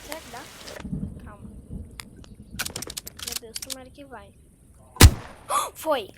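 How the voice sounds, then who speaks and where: A woman's voice: high-pitched, measured pace, heavy background noise. A young woman commenting on a survival game, anxious and exclaiming often as she talks to her viewers. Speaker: gaming streamer.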